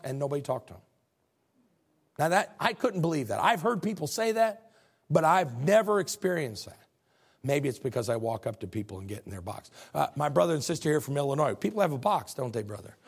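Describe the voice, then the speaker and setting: Gravelly husky pastor guy preaching, folksy, keeps chatting with the congregation. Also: on the high side. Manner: folksy, animated preaching with repeated phrases and asides to the congregation. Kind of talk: sermon.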